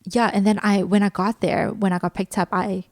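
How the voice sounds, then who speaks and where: A young South African woman co-hosts a podcast, telling a personal story in a chatty, casual way, her speech full of "like" and "um". Her medium-pitched voice is gravelly and level, at a normal pace. The recording is dry and studio quality.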